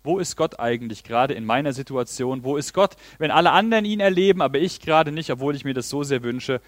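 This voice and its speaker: A man's voice: mid-range voice, lively intonation, quick pace, no room sound. A man preaching a sermon in an earnest way, retelling a Bible story and reading passages aloud.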